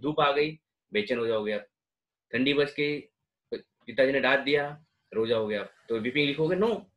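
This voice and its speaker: A man's voice: medium pitch, unhurried, fairly bright tone, poor audio. A middle-aged man giving a classroom lecture, emphatic and mixing English phrases into his talk. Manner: emphatic, mixes English phrases into speech, acts out patients. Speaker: homeopathy lecturer.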